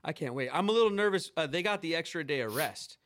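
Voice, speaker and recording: Excitable high-voiced man from Seattle. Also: quick pace. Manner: excitable, swings from loud outbursts to mumbled asides. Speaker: podcast host. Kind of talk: casual sports chat.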